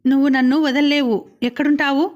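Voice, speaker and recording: A woman's voice: high voice, steady tone, fairly quick, muffled recording, natural voice. A woman voicing a worried young woman warning her lover against his plan, in an audiobook. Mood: anxious. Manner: anxious and cautioning. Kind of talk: audiobook character reading.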